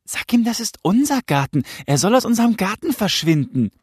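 Male narrator playing a frightened young boy, high, urgent, pleading; dry close sound. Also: sing-song, a little fast, breathy edge, dry recording, heavily acted.

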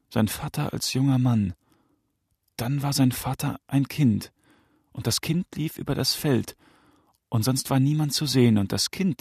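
Gravelly male audiobook narrator. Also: mid-range voice, darkish tone, no echo, studio quality. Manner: measured, tense storytelling. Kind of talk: audiobook narration of a crime novel.

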